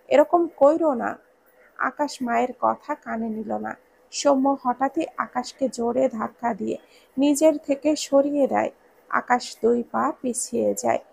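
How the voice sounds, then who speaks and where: A woman's voice: on the high side, vocal fry, husky, poor audio. A woman reading a romance story aloud as narrator, raising her voice when she voices the quarrelling characters.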